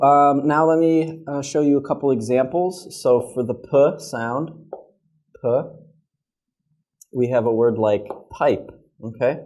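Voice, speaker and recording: A man's voice: mid-range voice, warm tone. A young man teaching English pronunciation in a classroom at a whiteboard, speaking patiently and repeating each model word several times.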